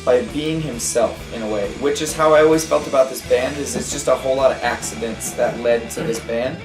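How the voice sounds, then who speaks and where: A man, a band member, chatting casually in an interview with a relaxed, rambling manner. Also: mid-range voice, a little fast, roomy sound, music in the background, low-quality recording.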